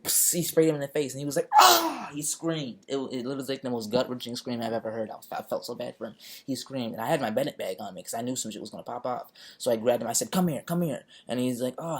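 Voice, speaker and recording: Young man, vlog venting, emphatic, profane, repeats himself, ordinary pitch. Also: a little mellow. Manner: emphatic, profane storytelling that acts out the people in the scene. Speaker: vlogger. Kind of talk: raw personal retelling of a protest.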